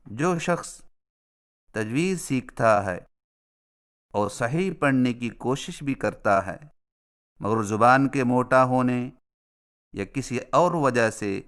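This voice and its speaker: A man narrates a formal religious lesson in measured, carefully paced phrases. His voice is smooth and resonant, sitting at an ordinary middle pitch. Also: a bit bright. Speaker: religious instructor.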